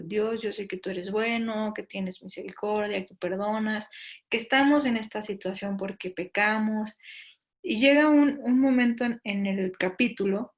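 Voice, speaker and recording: Una mujer predica un sermón juvenil animado con acento mexicano, con tono de plática y contando anécdotas con humor. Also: female voice, mid-range voice, lo-fi sound. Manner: playful, storytelling, acts out her own pleas. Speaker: youth preacher. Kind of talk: lively youth sermon.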